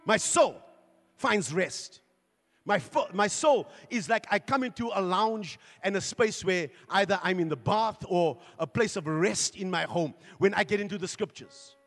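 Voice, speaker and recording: A man preaching a sermon as a pastor, building to fervent calls and slowing down for emphatic points. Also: high voice, fairly bright tone. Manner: preaching with rising fervor and slow emphatic points. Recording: long hall reverb with faint music.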